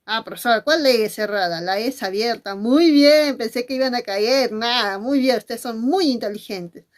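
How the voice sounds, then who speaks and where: A woman's voice: a little high, normal speed. A woman teacher giving a spelling lesson. She asks questions and then answers them herself, and she speaks fondly to her pupils.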